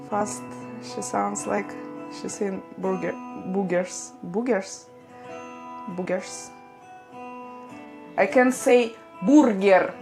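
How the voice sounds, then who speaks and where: Medium-pitched and a little mellow, a young woman with a Ukrainian accent reads viewer comments during a casual livestream as music plays. She laughs frequently, and her English is slightly broken.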